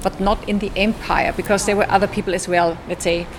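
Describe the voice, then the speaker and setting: A woman's voice: mid-range voice, steady tone, quick pace. A woman, a city guide explaining history in chatty, filler-laden talk outdoors. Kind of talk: casual walking tour chat. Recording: street noise behind.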